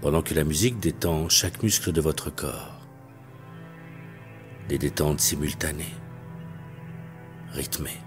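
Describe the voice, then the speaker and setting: A male hypnotherapist leading a guided hypnosis session in a slow, detached, hypnotic delivery, with soft music behind him. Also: a bass voice. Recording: faint background music.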